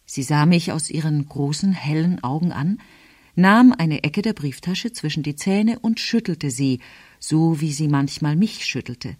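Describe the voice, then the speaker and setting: Calm woman narrating a story. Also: low-pitched, measured pace, no room sound, studio quality. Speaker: audiobook narrator. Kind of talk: scripted narration.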